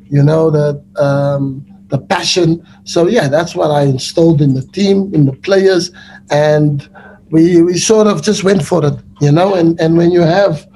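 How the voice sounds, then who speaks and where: A South African football coach in his forties answers reporters over a video call, with a fairly high but dark, mellow voice. He talks in a loose, rambling way, full of fillers and restarts, and a faint hiss sits under him. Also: a little slow, rough recording. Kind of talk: post-match press conference answers. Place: indoors before a sponsor backdrop. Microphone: webcam on a video call.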